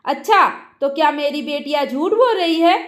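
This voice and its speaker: Woman doing an angry mother, shrill scolding, echoey room. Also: animated, moderate pace. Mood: furious. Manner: shouting, scolding. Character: angry middle-aged mother scolding her son. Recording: roomy echo.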